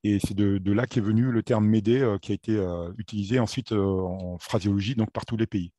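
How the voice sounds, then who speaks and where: A French-speaking man giving a video lesson on aviation, talking in a halting way with many fillers and self-corrections. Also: on the low side, fairly even intonation, mellow, no echo. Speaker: aviation theory instructor.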